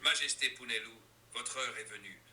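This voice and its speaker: A man's voice from an AI assistant, narrating silly stories with lively, theatrical jumps in pitch. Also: moderate pace, crowd noise. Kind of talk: storytelling narration.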